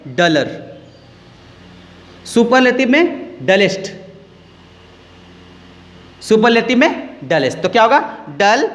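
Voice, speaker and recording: A man's voice: sits high, a bit bright, long reverb tail. A man teaching an English grammar lesson, explaining patiently, repeating key words and putting questions to his students.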